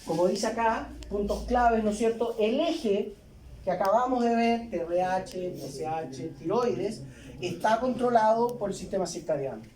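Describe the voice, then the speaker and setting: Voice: medium pitch, unhurried, a little mellow. A physiology lecturer talks through a classroom lecture in an easy, conversational way, checking in with the students every few phrases. The voice comes from well back from the microphone in a lecture hall with a lot of room echo. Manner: conversational, checks in constantly with tag questions. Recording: echoey lecture hall, voice from a distance.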